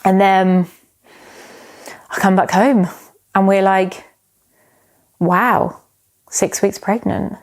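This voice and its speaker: A woman's voice: mid-range voice, darkish tone. A British woman in her thirties, hosting a solo podcast and telling a personal story in a candid, rambling way, sometimes teary. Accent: British English. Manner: rambling, candid, swears casually. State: emotional, tearing up. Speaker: podcast host.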